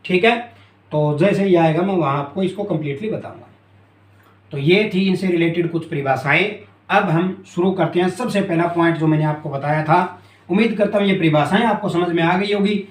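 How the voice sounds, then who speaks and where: A man teaching a math lesson at a board, repeating key terms and often asking if it is clear. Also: high voice, normal speed. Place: classroom with a board. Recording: echoey room.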